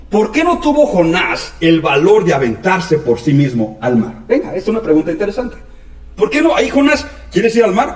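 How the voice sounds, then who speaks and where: A man preaching a sermon as pastor, lively and acting out the voices he quotes. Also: a little high. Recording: echoey hall, from far off.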